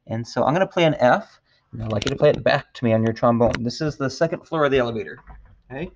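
A man teaching a beginner trombone lesson, patient and encouraging, counting out loud with his students. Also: mid-range voice, fast talker, highs cut off, a little hiss or hum. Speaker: music teacher.

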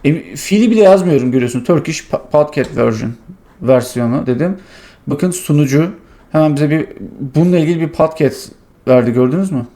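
Guy showing off an app on his channel, kinda high voice, warm and relaxed, lots of ums. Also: brisk. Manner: chatty, thinking aloud with many fillers. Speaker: tech channel host. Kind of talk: casual screen-recorded software demo.

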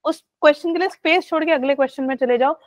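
A woman's voice: high voice, very fast, dry recording. A woman teacher leading a live online class, chatty and coaxing, mixing English into her talk. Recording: dull lo-fi online audio.

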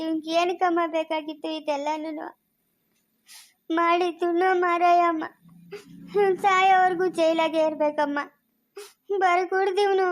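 A widowed village woman weeps and heaps curses on the man who drowned her husband. A woman performs her in a very high, thin voice, crying through her lines. It sounds like a home-made family drama. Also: a little mellow. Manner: wailing curses. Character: weeping widowed village woman, bitter and grieving.

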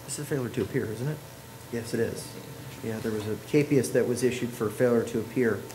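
A man serving as judge in a courtroom recording, setting bonds and reading case numbers in a measured, procedural manner. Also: mid-range voice. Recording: echoey courtroom audio, faint noise.

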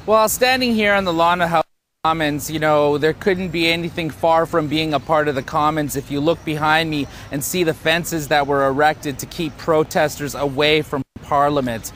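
A man's voice: a little high, normal speed, fairly bright tone, a little hiss or hum. A man in his thirties, a protest organizer, speaking passionately and fluently with some fillers in a live outdoor news interview.

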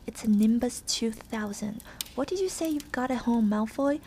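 A cheeky, envious schoolboy who teases his rivals, put on by a woman. It is a whispered role-play from a storybook, mellow and hushed. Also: on the high side, normal speed, slight background noise, close to an everyday voice. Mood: teasing. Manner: teasing. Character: envious, cheeky boy wizard, best friend.

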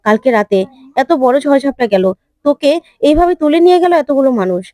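A woman's voice: high voice, sing-song, fast talker, a little mellow, no room sound, clean studio sound. A woman voicing a meddling middle-aged aunt who pries and defends herself. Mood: prying. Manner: prying, defensive questioning.

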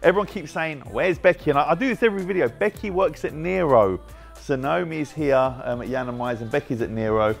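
A British man in his thirties, who owns a car wrap shop, hosts a casual, jokey walkaround of his workshop, chatting with staff as he goes. His voice is a little high and brisk with some vocal fry, and soft music plays in the background. The setting is a large, bright indoor car workshop.

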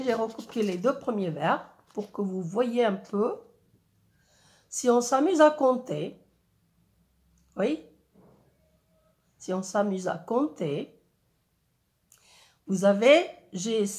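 A woman teaching a slow, patient lesson, often saying "oui" and sounding out words syllable by syllable. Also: mid-range voice. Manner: patient, frequent "oui" and "euh", spells out syllables. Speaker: French teacher. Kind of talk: slow classroom explanation.

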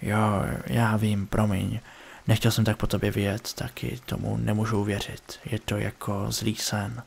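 Male horror narrator, deep-ish and monotone, brooding scripted read. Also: vocal fry, slightly rough. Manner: low, flat, brooding delivery.

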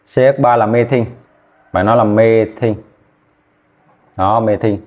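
A man teaching chemistry, dictating formulas slowly and repeating names, often checking whether students follow. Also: on the low side, fairly even intonation, phone-quality sound. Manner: slow, repetitive, checking in with "ok chưa?". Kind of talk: classroom lesson, dictating formulas.

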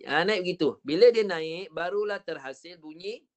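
High-voiced Malaysian Quran teacher. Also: male voice. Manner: patient, models sounds slowly and repeats them. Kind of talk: online Quran reading class. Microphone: online video call.

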